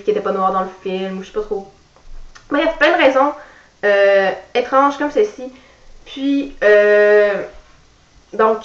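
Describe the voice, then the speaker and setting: Jeune femme bavarde, son lointain et réverbéré. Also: female voice, mid-range voice. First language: French. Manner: chatty, many fillers. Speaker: book vlogger. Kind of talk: casual chat and reading aloud. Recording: roomy, distant, dull sound.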